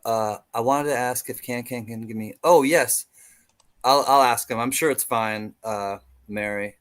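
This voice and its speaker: A man's voice: medium pitch, unhurried, a bit bright. Friendly man with a mid-range voice. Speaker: livestream co-host. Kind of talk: casual livestream chat.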